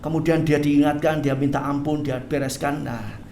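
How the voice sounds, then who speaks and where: A pastor preaching an animated sermon, often tagging phrases with "ya". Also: mid-range voice, moderate pace, slight background noise. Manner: animated, tags phrases with "ya", acts out quoted voices. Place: church hall, livestreamed service. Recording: echoey church hall.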